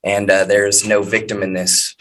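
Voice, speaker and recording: An American man addresses a judge as his own defender. His voice is on the low side, and he words things in a stilted, over-polite, legalistic way. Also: flat delivery, normal speed, fairly bright tone, poor audio. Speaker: self-represented defendant. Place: in custody, on a court video call.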